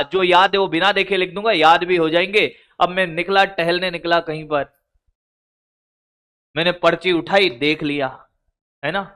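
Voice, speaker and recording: A man's voice: high-pitched, pushed and bright, clean tone. A man teaching physics exam strategy in a lecture, with a Hindi accent, scolding students in a colloquial, brotherly way.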